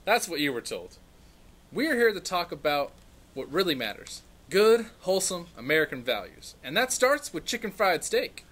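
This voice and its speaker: A man's voice: high-pitched, sing-song, normal speed, fairly bright tone, full character voice. A man playing a smug, mock-earnest parody news anchor with an obvious bias in a scripted satire sketch. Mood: dismissive, folksy.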